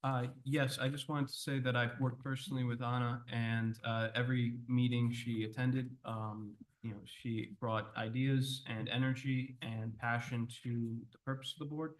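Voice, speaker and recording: A man serving on a town council, speaking in a measured, supportive way at the meeting. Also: mid-range voice, little pitch movement. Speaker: council member.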